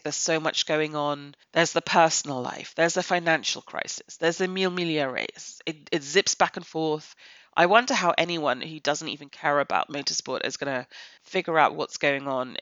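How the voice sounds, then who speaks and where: A woman's voice: low-pitched, a bit bright, no room sound. A woman giving a blunt, opinionated film review on a podcast. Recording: slightly dull, dry podcast audio.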